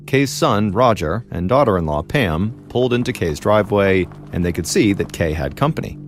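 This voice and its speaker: A man hosting a podcast, telling a true crime story in a measured, dramatic way with pauses. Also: deep voice. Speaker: podcast host and narrator.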